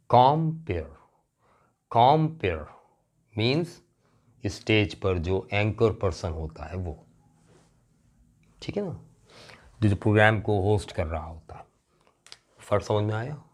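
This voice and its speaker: A man teaching English grammar in a classroom lecture, explaining slowly and stretching out example words. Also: fairly low pitch. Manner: slow, deliberate explaining with drawn-out example words.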